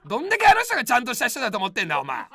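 A man streaming live as a comedian, snapping at viewer comments with mock-furious yelling and rough insults. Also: extremely high pitch, wildly swooping pitch, rapid-fire. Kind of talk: improvised angry comedy rants on a livestream.

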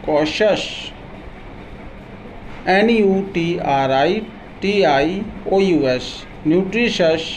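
A man teaching English pronunciation, who spells each word out letter by letter in an Indian accent and then says it in slow, deliberate dictation. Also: high-pitched, a little hiss or hum, low-quality recording. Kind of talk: spelling out words letter by letter, then pronouncing them.

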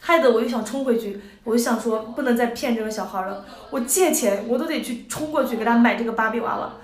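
A young woman in her twenties, a member of an idol group, telling a story to her audience in a lively, giggly way and doing playful voices for the people she quotes. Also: a little high, fast, echoey room. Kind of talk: casual storytelling to a livestream audience.

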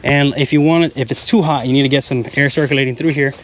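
A man in his thirties talks quickly through a casual walkthrough of a big tent at a wooded campground. He sounds chatty and explains as he points things out. His pitch is mid-range, and a faint outdoor hum sits behind him. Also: fairly even intonation. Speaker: camping vlogger giving a tent tour. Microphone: handheld mic in hand.

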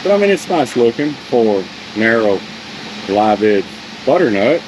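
A man's voice: mid-range voice, very animated, unhurried, noisy background. An older man with a Southern US accent, a sawmill owner narrating his work video in a wry, grumbling, folksy way.

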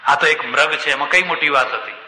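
A man in a sermon voicing a loyal younger brother who calmly reassures. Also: a little fast, a little hiss or hum. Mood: reassuring. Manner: low, reassuring and dutiful. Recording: echoey hall with long reverb.

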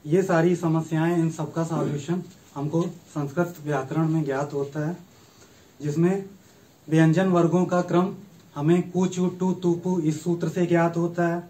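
Slow, flat-voiced male lecturer. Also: a little high, rough recording. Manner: slow, methodical recitation of letters and rules. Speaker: Sanskrit lecturer. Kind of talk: recorded university lecture.

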